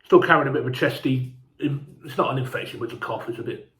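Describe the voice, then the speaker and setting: A man's voice: medium pitch, fast, fairly bright tone, echoey room. A man telling a casual, rambling travel story, sweary and chatty, sounding hungover and unwell. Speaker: fan vlogger.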